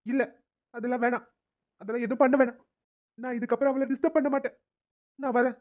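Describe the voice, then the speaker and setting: A woman's voice: fairly high pitch, steady tone, darkish tone, muffled recording, lightly acted. A woman voicing a hesitant lovesick cartoon young man. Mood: subdued. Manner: halting, stammering. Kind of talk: cartoon voice acting.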